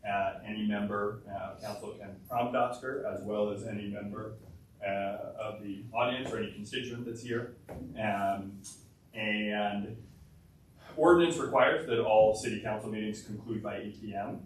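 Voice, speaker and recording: Male official, slightly deep, hesitant procedural remarks, distant mic with clear background noise. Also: steady tone, heavy reverb. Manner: halting, hesitant delivery. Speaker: official addressing a council. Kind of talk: procedural announcement at a public meeting. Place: large indoor council meeting room.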